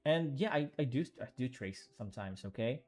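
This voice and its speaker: A man's voice: mid-range voice, expressive, fairly quick, a little mellow. A man who is an artist, chatting casually on a livestream while he draws and rambling with lots of fillers and restarts. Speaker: artist streaming while drawing.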